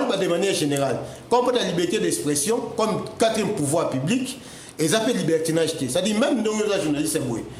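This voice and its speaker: A man's voice: high voice, darkish tone, echoey room. A man arguing insistently in a studio debate, repeating words when he is cut off. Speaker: political debate guest.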